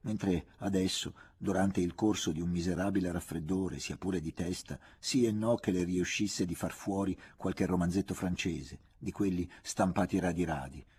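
A man reading a literary novel aloud as an audiobook, with measured, expressive narration. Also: deep voice. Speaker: audiobook reader.

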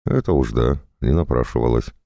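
A man's voice: rumbling low, brisk, gravelly, warm tone, dry recording, studio quality. A man voicing a burly, drunken jailer-monk who lectures and leers at his prisoner in a storybook reading. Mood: preachy. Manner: preachy, leering.

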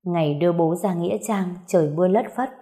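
A woman narrating a first-person ghost-story website tale in a measured, sorrowful way. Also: fairly low pitch, mellow.

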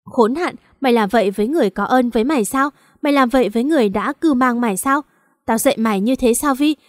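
Anxious older mother, read by a woman, pleading and scolding, high voice. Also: normal speed, no echo, studio quality, long reverb tail, close to an everyday voice.

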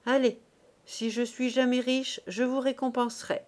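A woman's voice: high voice, level tone, normal speed, pitched above the performer's own voice, close to an everyday voice. A woman reading an audiobook, voicing a butter seller at a market. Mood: emphatic. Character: middle-aged woman butter seller, grudging.

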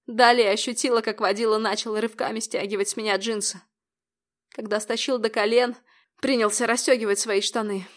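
A woman's voice: a little high, steady tone, a little fast. A young adult woman narrating a first-person audiobook in a tense, dramatic way.

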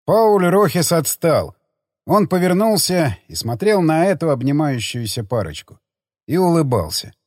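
A man narrating an audiobook in an expressive, dramatic reading. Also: fairly high pitch, a little slow, no room sound, clean studio sound.

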